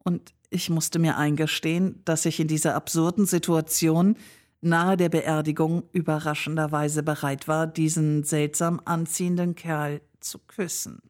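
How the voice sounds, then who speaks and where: A woman narrating a first-person story as an audiobook, measured and expressive. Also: sits low.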